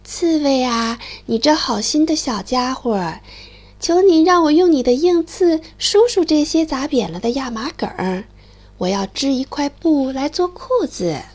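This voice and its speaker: A woman voicing an eager, excited little male mole who pleads and calls out for help. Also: high voice, unhurried. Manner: pleading, chirpy, cries out loudly.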